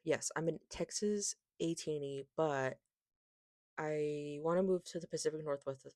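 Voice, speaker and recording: A woman's voice: sits low, a little slow, darkish tone, no echo, clean studio sound. A woman with a lisp that makes her s slushy, chatting casually and rambling, often interrupting herself. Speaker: vlogger, K-pop collector. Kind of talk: casual rambling haul chat.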